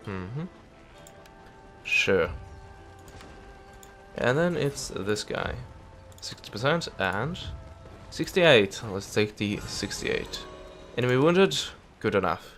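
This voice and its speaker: In this let's play, a young man with a nasal, stuffed-up voice comments on a strategy game, chatting, muttering at the screen, and swearing a little. His lowish, slightly bright voice is very animated yet slow, with long pauses, and soft music plays underneath.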